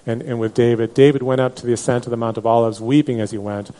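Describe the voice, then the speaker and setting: A man's voice: mid-range voice, fairly even intonation, fast, warm tone. A man teaching a Bible class in a conversational way, with many fillers and restarts. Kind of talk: Bible study lecture.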